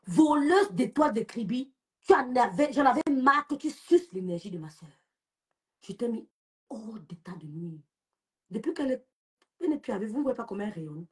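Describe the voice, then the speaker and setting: Hosting a social media live, a young woman with a Cameroonian French accent scolds and mocks a rival in a taunting rant. Her voice is on the high side and slightly rough.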